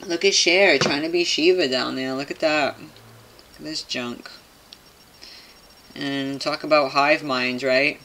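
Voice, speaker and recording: This home-recorded video host reads out material and comments casually, slipping in skeptical, conspiratorial asides and plenty of tag questions. A steady, sharp mid-range voice moves at a measured pace with long pauses, and the low-quality recording carries slight background noise.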